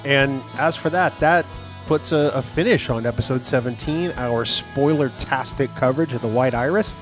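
A man's voice: mid-range voice, normal speed. A man co-hosts a podcast in easy, casual talk. He teases his partner dryly and steers the session. Faint music sits under his voice. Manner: dry, teasing, directs the recording. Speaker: podcast co-host.

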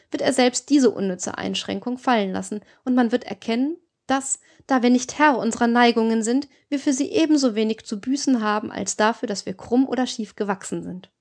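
A woman's voice: on the high side, brisk, a little mellow, close to an everyday voice. A woman voicing a brutal male robber chief who lectures with cold, sneering arguments.

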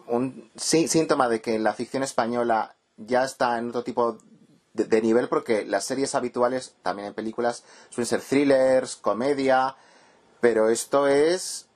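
A man interviewing the cast of a series, asking long questions slowly with many hesitations. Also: medium pitch. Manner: hesitant, many ehs, slow searching questions.

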